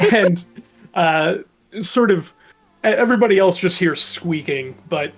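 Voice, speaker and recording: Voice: mid-range voice, lively intonation, slow pace. A game master narrating a tabletop game, hesitant with many fillers.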